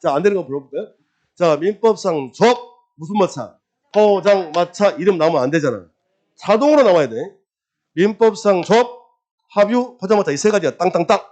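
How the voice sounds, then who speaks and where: A middle-aged man lecturing on property registration law, quizzing his class with rapid questions and answering them himself. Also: sits high. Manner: lively, quizzing, drills with repeated questions and answers. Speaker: real estate law exam lecturer.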